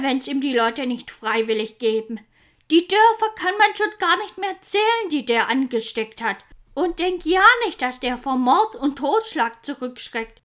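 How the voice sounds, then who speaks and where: Old Viking sailor, as a woman puts him on, hushed. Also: full character voice. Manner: hushed, low and slow. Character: old male Viking sailor, calm storyteller.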